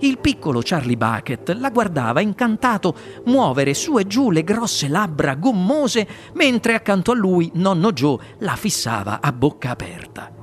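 A narrator reading a children's story aloud with expressive storytelling. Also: medium pitch, unhurried, few pauses, soft background music. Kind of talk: audiobook narration.

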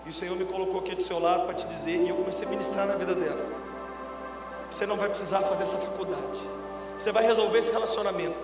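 A middle-aged man from Brazil, a pastor preaching a sermon through a long story, going from loud bursts to hushed lines. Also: high-pitched, steady tone, fast. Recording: music and long reverb in a big hall.

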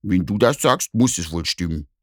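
A man voicing a grumpy but good-natured bear in a children's story, with a slow, grumbling manner. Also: deep voice, lively intonation, no room sound, clean studio sound. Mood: calm.

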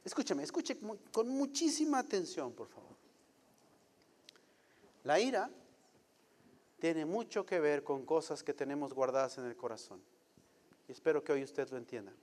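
A middle-aged man, a pastor giving a lively, conversational sermon full of rhetorical questions. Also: on the high side, normal speed, long pauses, in a large hall.

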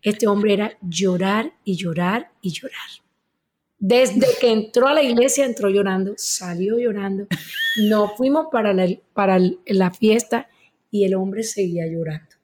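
A woman's voice: medium pitch, measured pace, slight background noise. A Colombian woman in her sixties, a guest telling a wedding story in casual chat, acting out the people she quotes. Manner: animated anecdote teller, acts out quoted voices.

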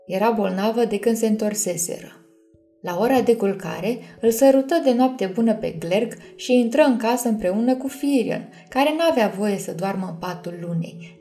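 A woman reads a storybook aloud in a calm, measured tone. Her voice is mellow and warm, and soft background music plays underneath. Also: mid-range voice. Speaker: audiobook narrator. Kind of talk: storybook narration.

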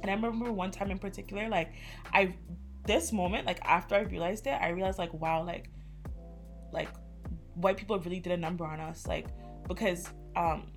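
A woman's voice: on the low side, fairly quick, soft background music. A young woman in her twenties from Canada, hosting a casual chat and telling stories with lots of fillers. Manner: animated storytelling with lots of fillers.

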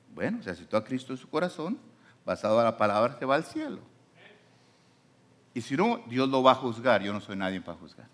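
A man preaching as pastor, emphatic, with his voice swinging up and down. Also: medium pitch. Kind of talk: sermon.

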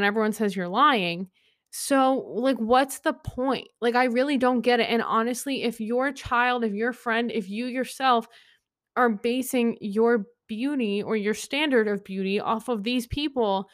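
A woman's voice: on the high side, a little slow, fairly bright tone. Chatty opinionated young woman podcaster. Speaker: podcast host. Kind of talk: solo podcast rambling review.

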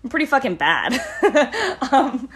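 A woman's voice: high voice, huge pitch swings, slow pace, fairly bright tone, slight background noise. A young woman hosting a podcast in casual chat, rambling and swearing, often giggling as she introduces friends. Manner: giggly, breaks into laughter often. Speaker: podcast host.

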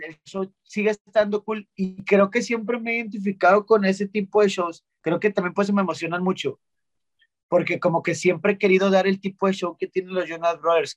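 A young man from Monterrey, telling stories as a guest in a casual, slangy, animated way with lots of restarts. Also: high voice, dry recording. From Monterrey, Mexico. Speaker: guest singer-songwriter. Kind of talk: casual interview chat.

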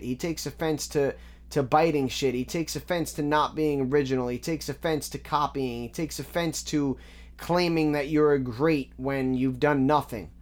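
A man giving a casual, methodical breakdown of rap lyrics, with frequent ums and restarts. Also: on the high side. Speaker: music reaction host.

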